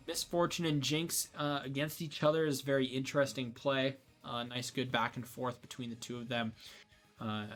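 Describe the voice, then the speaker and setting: A man's voice: medium pitch, a bit bright. Sleepy young male esports caster. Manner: casual, rambling, many fillers and restarts. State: sleepy, yawning. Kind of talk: play-by-play esports commentary.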